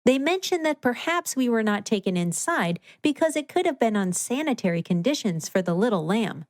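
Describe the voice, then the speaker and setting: A woman with a somewhat high voice narrates a children's storybook. She reads in an expressive read-aloud manner from a script. The sound is dry, with very little room in it. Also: moderate pace, dry recording.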